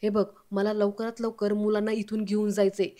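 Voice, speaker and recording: A woman reading the lines of a sharp-tongued young woman, delivered in a mellow, flat narrating voice. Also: medium pitch, moderate pace, natural voice. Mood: scornful.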